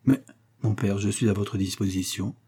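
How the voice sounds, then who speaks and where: Guy doing a proud polite young man standing up to his dad, formal, low husky voice. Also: steady tone, normal speed, mellow. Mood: polite, firm. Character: dignified young man, proud and courteous son.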